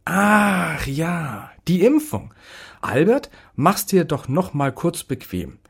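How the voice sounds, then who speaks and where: A man voicing a kindly, cheerful male vet in a storybook, speaking in a friendly, drawn-out way. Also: a little high, sing-song, vocal fry, husky, voice pushed up, exaggerated voice.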